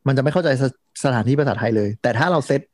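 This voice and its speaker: Casting: mid-pitched male co-host, explanatory, recorded dry with no room sound. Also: fast, no echo. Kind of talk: casual tech chat.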